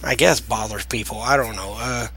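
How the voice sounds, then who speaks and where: Southern guy w/ deep south accent, gravelly, slurs his s's a bit, rambly tutorial talk, some background noise. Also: sharp tone. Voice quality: slightly slurred S sounds. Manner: halting, rambling delivery with trailing sentences. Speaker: software tutorial presenter. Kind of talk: casual unscripted screen tutorial.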